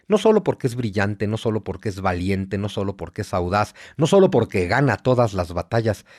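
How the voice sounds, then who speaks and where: A man's voice: fairly low pitch, sing-song, brisk, darkish tone, dry recording, clean studio sound. A man in his forties with a Mexico City accent, speaking as an interview guest, emphatic and lecturing, stacking lists and rhetorical questions. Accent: Mexico City Spanish. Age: 40s. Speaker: guest writer. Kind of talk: conversational interview.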